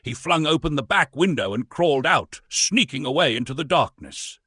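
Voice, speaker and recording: A man narrates a storybook tale with a lively, dramatic delivery. His voice is husky, and his pitch rises and falls widely. The sound is dry and close. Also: normal speed, dry recording.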